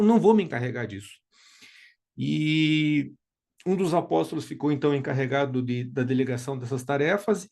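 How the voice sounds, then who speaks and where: Gravelly Brazilian man teaching, hesitant. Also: fairly high pitch, a little mellow. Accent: Brazilian Portuguese. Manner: hesitant, many fillers and restarts. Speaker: study group teacher. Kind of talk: informal spoken lesson.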